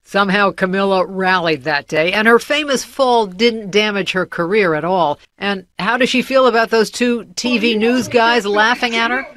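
A woman's voice: mid-range voice, normal speed, few pauses, a bit bright. An American woman narrating a scripted television news report.

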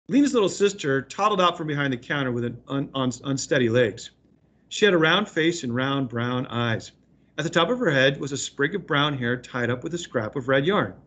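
Playing an elementary school teacher, a man reads aloud and explains things to a remote class of children, sounding encouraging. His voice is medium-pitched with a fairly bright tone.

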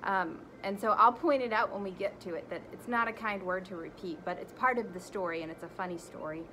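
A woman teacher gently explaining a lesson to young children, pausing often with ums. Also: medium pitch, slight background noise, rough recording.

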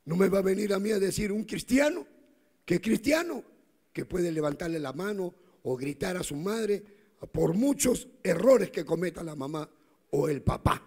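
A middle-aged male pastor preaching a sermon, swinging from fervent shouts to hushed storytelling. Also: high voice, animated, moderate pace, breathy edge. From South America.

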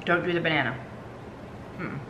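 A woman's voice: sits low, moderate pace, highs cut off. A woman, chatting upbeat in a casual family vlog. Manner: chatty, upbeat, says "y'all". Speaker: family vlogger, mother. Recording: echoey with loud outdoor noise.

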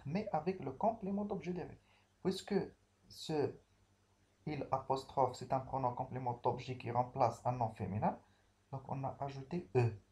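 A man teaching a grammar lesson at a very unhurried pace. He works through each example step by step, pausing on fillers and spelling out endings letter by letter. His pitch sits in an ordinary middle range. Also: dark tone. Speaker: French teacher.

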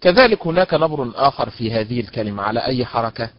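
A man gives an online lesson on recitation, slowing right down to stretch out each example word. His voice sits at an ordinary middle pitch. The audio is dry and somewhat dull, like a lo-fi webinar stream. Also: expressive, no room sound. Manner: explains patiently, drawing out example words slowly; praises students by name as they answer. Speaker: Quran recitation teacher. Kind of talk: online lecture on Quranic stress rules.

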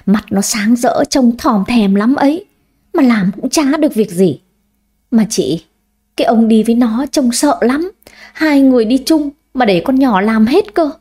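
Woman narrator doing a tattling young shopgirl, high and mellow, for an audio story. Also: unhurried, husky. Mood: gossipy. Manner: chatty, tattling, excitable. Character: young gossipy female shop employee.

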